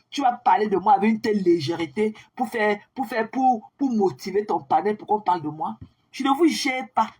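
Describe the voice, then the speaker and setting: A young woman with a husky edge to her voice rants at her viewers in a livestream. She sounds scornful and taunting, with English phrases dropped into her talk. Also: fairly high pitch, darkish tone. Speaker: social media livestreamer. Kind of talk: ranting monologue to viewers.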